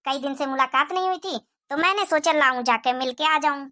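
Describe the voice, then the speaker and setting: A kindly older cartoon aunt, as a woman voices her talks in a calm, fair and soothing way. Her voice is high, bright, and a touch lower than the others around her. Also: fairly quick. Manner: soothing, reasonable. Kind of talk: Hindi cartoon moral-story voice acting.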